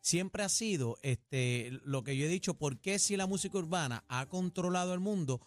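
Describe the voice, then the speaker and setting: A Puerto Rican man co-hosting a radio show, speaking emphatically in lively banter. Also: high-pitched, normal speed, dry recording, soft background music. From Puerto Rico.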